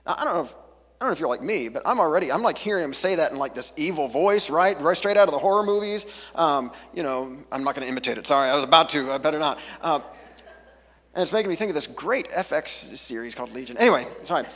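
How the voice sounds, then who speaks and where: A man's voice: on the high side, animated, fast, fairly bright tone, breathy edge, in a large hall. A man preaching a casual, chatty sermon, breaking off into jokey asides and back. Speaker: pastor. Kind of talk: conversational sermon.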